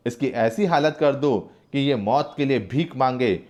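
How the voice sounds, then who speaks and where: A man voicing a brutal male police henchman who barks out orders loudly. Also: medium pitch, unhurried, pitched above the performer's own voice, natural voice. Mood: commanding. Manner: loud barked commands.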